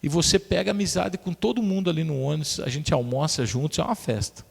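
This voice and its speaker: A man preaching from the pulpit, spinning funny anecdotes and calling out to his brothers in the pews. His voice is gravelly and sits a little high. A long church reverb trails after every phrase. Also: fast. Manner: lively storyteller, addresses the congregation as brothers. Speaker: pastor. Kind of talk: sermon with humorous personal anecdotes. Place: church sanctuary.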